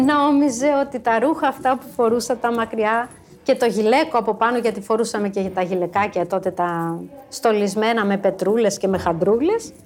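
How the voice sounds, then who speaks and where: A woman in her fifties, a former social worker, telling a personal story to an audience in a lively, animated way. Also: mid-range voice. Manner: lively, animated, acts out quoted voices.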